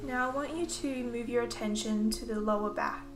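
A woman with a fairly high-pitched voice leads a body-scan meditation, offering soothing, gentle instructions in brief phrases without hurrying.

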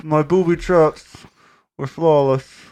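A man from Canada, a podcast guest with a stiff, deadpan delivery, sounding echoey as if talking from inside a tunnel. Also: fairly high pitch, slow, clean tone. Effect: echoing, as if talking in a tunnel. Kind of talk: comedic podcast banter.

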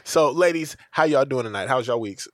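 A man's voice: mid-range voice, expressive, a little fast, no echo. Bawdy male podcast host, dry sound. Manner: profane, bawdy, repeats phrases emphatically. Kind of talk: casual comedic chat.

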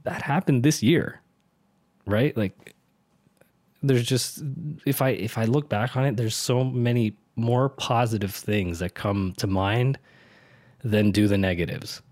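A man's voice: mid-range voice, a little slow, darkish tone, no echo. A man in his late twenties talking through his year in a reflective, rambling monologue, earnest and often laughing. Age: 20s. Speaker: vlogger. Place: home in a city.

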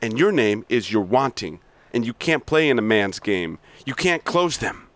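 Pitching his medium voice higher than his own, a man reads a scene amateurishly as a loud-mouthed sales manager cursing and tearing into his employees, tripping over lines now and then. He talks at normal speed in a sing-song, slightly bright tone, recorded dry.

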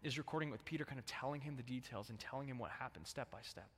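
A man preaching a sermon to a congregation. He talks in a relaxed, chatty way and jumps into animated voices when he quotes people. His voice rings out with a long hall reverb. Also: medium pitch, fast talker, breathy edge. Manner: casual, conversational preaching with lively acted-out quotes. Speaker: pastor.

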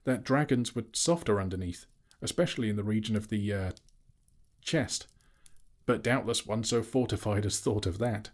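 A man voicing a small, timid but plucky male hobbit in a storybook, nervously polite with flowery flattery. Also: on the low side, normal speed, voice pushed up, close to an everyday voice. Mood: frightened. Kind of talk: audiobook character voice.

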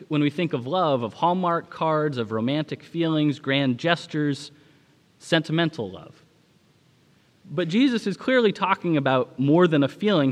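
A man delivering a sermon as a pastor, speaking in a measured, preaching manner with dramatic pauses. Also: a little high, big-room sound.

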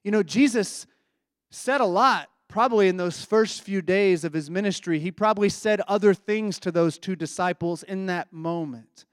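A man's voice: sits high, moderate pace, dry recording, clean studio sound. A man preaching a reflective, conversational sermon.

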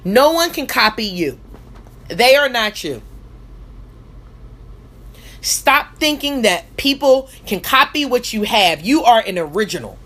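Animated high-voiced woman giving a motivational speech. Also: a little slow, pauses often. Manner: emphatic, exhorting, repetitive refrains. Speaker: motivational coach and show host.

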